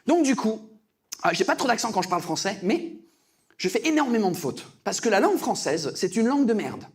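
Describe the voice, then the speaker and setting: A man's voice: high-pitched, very animated, fairly quick, breathy edge. A young British man doing self-mocking stand-up comedy on a stage, breaking into laughter. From Britain.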